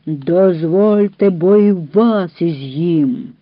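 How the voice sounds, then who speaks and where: A woman voicing a greedy, threatening male wolf from a folk tale, chanting his demands slowly and drawn out. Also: fairly low pitch, no echo. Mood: menacing. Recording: dull dry recording.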